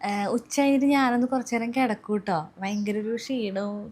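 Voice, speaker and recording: A woman's voice: a little high, a little fast, darkish tone, slight background noise, close to an everyday voice. A woman playing a demanding young new mother who orders her sister-in-law around in a comedy sketch. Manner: bossy, whiny, insistent.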